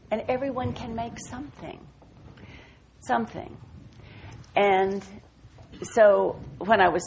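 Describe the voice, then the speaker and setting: Slow, gravelly older woman. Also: lowish voice, a little hiss or hum. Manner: warm, folksy, slowing to a measured recitation for poems. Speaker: speaker giving a talk. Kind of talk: reflective spoken talk with poetry reading.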